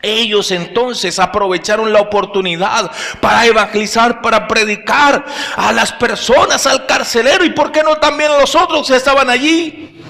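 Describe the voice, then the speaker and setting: A man's voice: very high-pitched, fairly even intonation, normal speed, pushed and bright. A male pastor preaching an impassioned sermon and calling out to his listeners as brothers, recorded in a church hall. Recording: long hall reverb.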